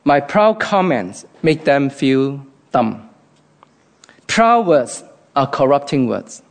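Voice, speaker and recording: A man's voice: mid-range voice, big pitch swings, takes it slowly. A man from Hong Kong with a Hong Kong accent, giving an earnest, reflective devotional talk.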